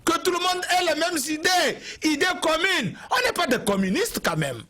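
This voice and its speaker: A man's voice: very high voice, sing-song, normal speed, sharp tone. A man from Togo, giving an impassioned TV address and repeating phrases for emphasis. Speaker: TV commentator.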